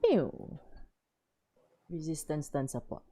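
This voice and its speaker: Low mellow woman streamer, giggly, cheering her trades on, casual chat. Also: very animated, takes it slowly, breathy edge. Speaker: livestream host.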